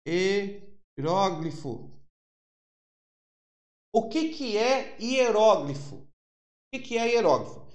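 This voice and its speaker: High-voiced fervent male preacher, echoey room. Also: big pitch swings. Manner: fervent, then slow and explanatory, spelling out letters on a board. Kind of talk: sermon with a Hebrew lesson.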